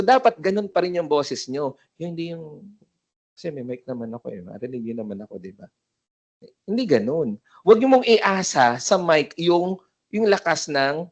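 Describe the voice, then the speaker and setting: Speaking into a handheld mic before a live audience in a seminar room, a man with a Filipino accent lectures on event hosting in Taglish. He peppers his talk with tag questions and demonstrates voice techniques on the spot. His voice sits slightly high.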